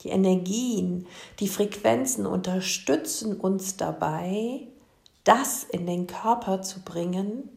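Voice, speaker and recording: A woman hosts a spiritual coaching podcast in a slow, unhurried voice with a gravelly edge. She talks gently and directly to her listener. The recording sounds echoey, as if made in an open room. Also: medium pitch. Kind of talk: slow, soothing podcast monologue.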